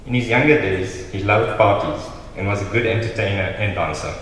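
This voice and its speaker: A South African man delivers a solemn, measured eulogy in a slightly low voice. He reads from a prepared text, heard from far off in a very echoey hall with some noise. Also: a bit bright. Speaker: family member giving a eulogy. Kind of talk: prepared funeral eulogy read aloud. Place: large reverberant hall. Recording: very echoey hall, distant mic, noisy.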